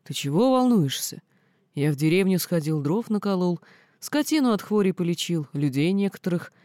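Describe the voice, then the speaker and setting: A woman's voice: lowish voice, very animated, normal speed, dark tone, no room sound, studio quality. Woman voicing a blunt young archmage. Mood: puzzled. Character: stern young male archmage, blunt and earnest.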